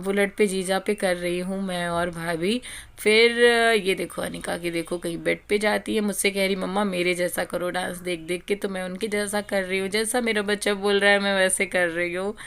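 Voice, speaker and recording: A woman's voice: mid-range voice, steady tone, normal speed, gravelly, fairly bright tone, clear, resonant tone. Chatty young woman vlogger from India. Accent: Uttar Pradesh Hindi. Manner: chatty, laughs often, addresses viewers as guys. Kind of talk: casual vlog voice-over.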